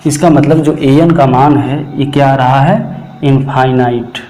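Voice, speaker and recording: A man teaching mathematics in a classroom lecture, often asking a question and answering it himself, and slowing down to dictate formulas. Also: mid-range voice, steady tone, warm tone. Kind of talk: classroom lecture explaining problems. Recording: echoey room.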